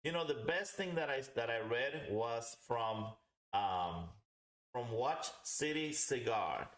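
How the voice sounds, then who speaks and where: A man hosts a casual pipe tobacco review livestream, his medium-pitched, slightly bright voice expressive as he takes things slowly. He rambles while explaining and repeats points for emphasis. The recording is a roomy, echoing home one.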